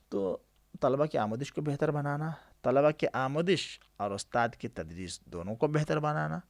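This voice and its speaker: A man's voice: mid-range voice, creaky. A man teaching an exam-prep lesson, walking through answer options, asking rhetorical questions and mixing in English terms. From India. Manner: explains answer options step by step, asks rhetorical questions and tags with "right?".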